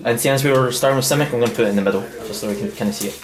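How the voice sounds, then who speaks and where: A man hosting a casual walkthrough in a busy game store at a midnight event, talking in a halting, stop-start way. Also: mid-range voice. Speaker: host opening card packs. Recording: echoey room with crowd chatter.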